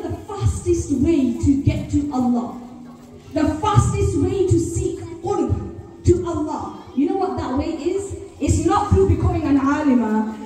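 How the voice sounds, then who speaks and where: A woman gives an earnest religious talk, throwing questions at her gathered listeners. Her voice sits high and mellow. It rings through a very echoey hall, picked up from well back from the mic. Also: far from the mic. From Bradford, England. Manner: earnest, keeps questioning the audience. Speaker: Islamic teacher.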